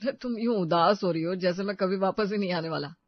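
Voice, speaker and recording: A breezy young husband from an animated story, casual and reassuring, mixing in English phrases. His voice sits high for a man. The recording is dry and a bit dull. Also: fairly quick, no echo. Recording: dry, slightly dull lo-fi audio.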